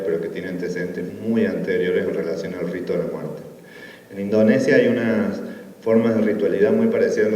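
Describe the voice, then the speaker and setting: A man from Argentina with a Córdoba accent giving a relaxed conference talk, full of fillers and tag questions. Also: lowish voice. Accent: Argentine Spanish, Córdoba. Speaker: academic conference speaker. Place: conference room. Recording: distant, echoey hall, dull sound.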